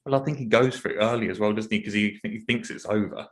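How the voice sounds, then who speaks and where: A man's voice: on the low side, quick pace. A man co-hosting a football podcast, talking in a thoughtful, hedging way. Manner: thoughtful, hedging, laughs easily. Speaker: podcast co-host. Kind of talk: casual podcast chat.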